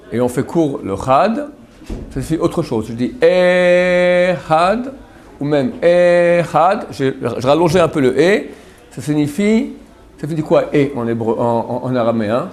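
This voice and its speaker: A man's voice: medium pitch, a little mellow. Man teaching, repeating sounds to show them. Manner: explains step by step, repeating and demonstrating pronunciations; addresses students directly with frequent "d'accord?". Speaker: rabbi teaching a class. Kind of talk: religious lesson.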